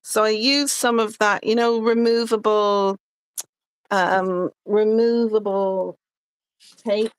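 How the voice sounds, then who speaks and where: A woman's voice: medium pitch, measured pace, a bit bright, smooth, dry recording. A woman co-hosting a crafting livestream, talking casually through each step as she works. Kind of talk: casual chat while crafting live.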